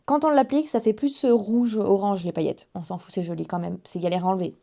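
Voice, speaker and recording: A woman's voice: medium pitch, steady tone, fast, vocal fry, dark tone. Chatty young French-speaking woman vlogging. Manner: chatty, self-mocking asides. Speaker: beauty vlogger. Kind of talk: casual makeup haul chat to camera.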